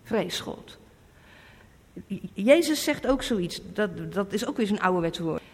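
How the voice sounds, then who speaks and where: A woman's voice: mid-range voice, lively intonation, moderate pace, a little mellow, husky. Emphatic woman preaching in echoey hall. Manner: emphatic, repeats warnings. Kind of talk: sermon.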